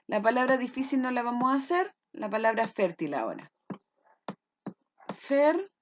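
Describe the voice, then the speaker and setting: A woman's voice: a little high, very animated, brisk, lo-fi sound, slight background noise. A woman teacher explaining a lesson patiently, often checking that her pupils follow. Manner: patient, checks understanding with frequent "¿ya?".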